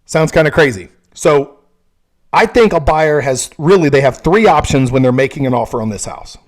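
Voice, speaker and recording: Frank man with a slightly high voice. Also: animated, normal speed. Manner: opinionated, frank, checks in with "okay?". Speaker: real estate agent. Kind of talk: casual explainer to camera.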